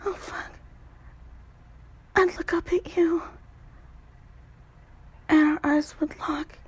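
A young adult woman telling an intimate story in a soft, breathy whisper, broken up by sighs. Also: sits high, level tone, slow pace, no room sound.

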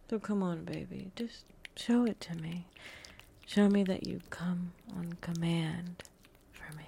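A woman whispering a teasing, dominant audio roleplay in a breathy voice, with soft chuckles between phrases. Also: lowish voice, steady tone, slow, pauses often.

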